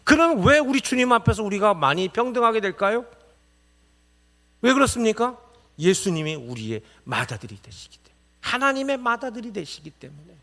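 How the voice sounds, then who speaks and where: His voice is high, very animated, and fairly bright, moving at a brisk clip. The middle-aged pastor asks his Sunday congregation rhetorical questions and climbs toward emphatic exclamations.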